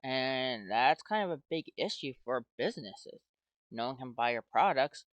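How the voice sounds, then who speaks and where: This American man's casual YouTube gaming commentary wanders hesitantly as he thinks aloud, leaning heavily on "well" and "like." He speaks at a moderate pace in a mid-range, expressive, slightly bright voice, with no echo.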